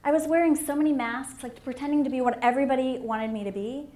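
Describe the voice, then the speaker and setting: Woman, middle-aged, candid and emphatic, keynote talk, fairly high voice, roomy hall echo. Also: fast. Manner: candid and animated, with emphatic swells. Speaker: conference speaker. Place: conference hall. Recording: echoey hall with faint room noise.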